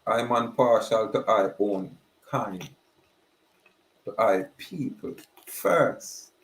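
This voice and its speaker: Slow, deep-voiced man preaching. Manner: slow, emphatic, repeats "yeah, man". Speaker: spiritual speaker. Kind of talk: preaching monologue. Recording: roomy echoey recording.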